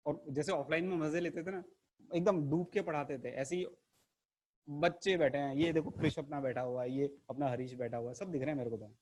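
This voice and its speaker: A man's voice: on the high side, steady tone, a little fast, a little mellow. A man teaching an online chemistry lesson to camera in a playful, theatrical way, teasing his class. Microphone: camera mic.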